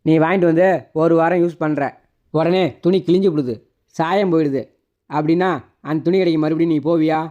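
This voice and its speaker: Quick dry-talking man. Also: on the high side, fairly even intonation, mellow, dull audio. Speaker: comedy sketch performer. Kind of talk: comic husband-wife skits.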